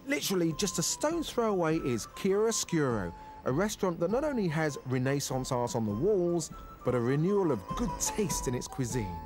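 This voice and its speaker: A man's voice: fairly high pitch, big pitch swings, moderate pace, music in the background. A man presenting a food show, narrating with a playful, theatrical delivery and chatting with guests.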